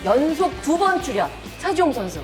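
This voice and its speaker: A woman's voice: high-pitched, big pitch swings, a little fast. A woman in her thirties hosting a talk show with racing drivers, upbeat and teasing. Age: 30s. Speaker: host. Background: music.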